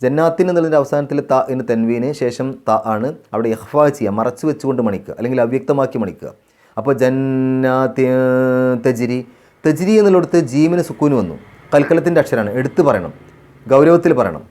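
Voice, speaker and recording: A male Quran teacher from Kerala. He chants verses slowly and melodically, then explains recitation rules calmly step by step, repeating phrases to model the pronunciation. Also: medium pitch. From Kerala, India. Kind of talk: tajweed recitation lesson.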